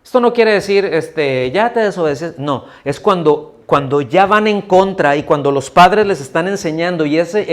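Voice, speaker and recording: In a church hall, a middle-aged pastor preaches with a high-sitting voice. His delivery is conversational: he keeps posing questions to the congregation and acts out the voices of the people he quotes.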